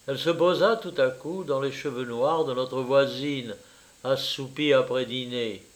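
A man narrating a classic short story in the first person, in an unhurried, wry manner. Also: mid-range voice.

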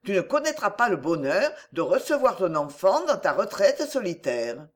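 A woman's voice: mid-range voice, sing-song, moderate pace. A woman giving a dramatic literary reading, speaking conspiratorially to the listener. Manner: conspiratorial, addressing the listener directly. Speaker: reader.

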